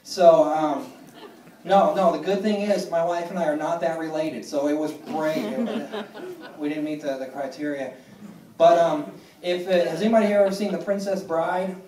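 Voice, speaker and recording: A man in his thirties doing a stand-up comedy set on a club stage, deadpan and self-deprecating, with lots of ums and restarts. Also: fairly high pitch. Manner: deadpan, self-deprecating, halting with many fillers. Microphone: phone recording from the audience. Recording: echoey room, mic far from stage.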